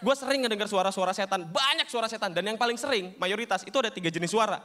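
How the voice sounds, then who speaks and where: A young man performs a stand-up set in a very high, bright voice. His delivery is loose, slangy banter that keeps slipping into acted-out scenes. He laughs along between the jokes. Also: very fast. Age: young adult. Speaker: stand-up comedian.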